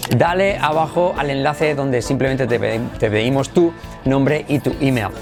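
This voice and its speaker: A man's voice: mid-range voice, music in the background. A man with a Spain Spanish accent teaching English pronunciation in Spanish, stretching out each English word as a model, then rattling through his Spanish explanations. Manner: slows right down to model English words, then chatters fast in Spanish. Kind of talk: Spanish-language English lesson.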